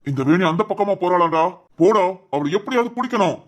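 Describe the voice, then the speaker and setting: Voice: mid-range voice, lively intonation, fairly quick, lightly acted. A voice actor playing a stern, scheming male village head in a cartoon drama who barks orders. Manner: commanding, barking orders.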